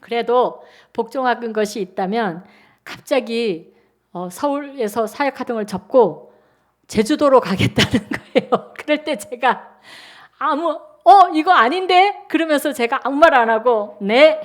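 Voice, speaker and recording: High-voiced woman pastor in her sixties. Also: measured pace. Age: 60s. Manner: animated, chatty storytelling with acted-out quotes. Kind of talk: sermon with personal storytelling. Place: church sanctuary.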